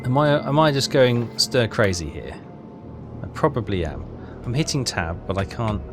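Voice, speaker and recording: A game streamer talks through a casual walkthrough, muttering and questioning himself as he thinks out loud. His mid-range voice is very animated and moves at a normal speed, with game music playing behind him.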